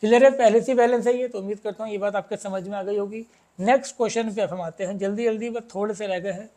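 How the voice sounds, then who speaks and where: A man teaching a chemistry lesson, reading English questions slowly and explaining them, often asking students whether it is clear. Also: sits high, fairly even intonation, dark tone. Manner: addresses students as "beta", keeps asking if it is clear.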